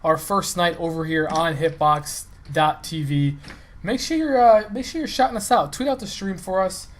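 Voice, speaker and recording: A man's voice: high-pitched, normal speed. A man hosting a gaming stream, casually chatting and making friendly, upbeat appeals to viewers to share the stream. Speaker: stream host.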